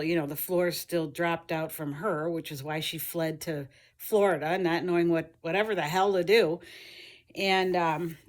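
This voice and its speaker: Slow, low-voiced woman telling her story. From United States. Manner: rambling, halting, many fillers and restarts. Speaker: vlogger. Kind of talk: casual personal storytelling.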